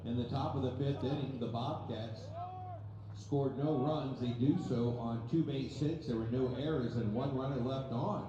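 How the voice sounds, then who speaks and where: A man making formal public address announcements, heard through the stadium loudspeakers. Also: mid-range voice. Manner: measured, formal announcing cadence. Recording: echoey ballpark PA from far off, dull.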